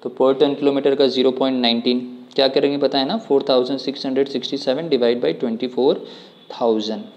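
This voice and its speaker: A man's voice: medium pitch, fairly even intonation, fast talker, a little mellow, highs cut off. Man talking students through a problem. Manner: explains step by step, asks rhetorical questions. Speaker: commerce tutor. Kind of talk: exam problem walkthrough lesson.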